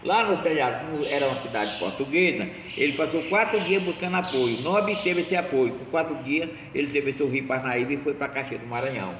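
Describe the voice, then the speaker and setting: A man's voice: mid-range voice, fairly quick, few pauses, a bit bright. A man, telling local history as an oral storyteller in a rambling way, restarting and correcting himself. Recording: echoey, roomy sound from a distance with faint noise.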